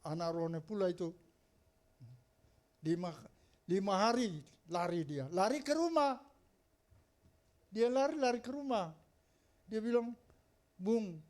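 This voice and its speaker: A man's voice: sits high, darkish tone. A male pastor giving a chatty, humorous storytelling sermon in church, often laughing as he tells anecdotes.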